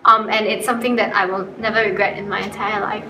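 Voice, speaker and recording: A woman's voice: medium pitch, flat delivery, fast talker. Candid woman recalling a decision. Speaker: graduate giving testimony. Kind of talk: personal testimony. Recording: roomy, distant recording.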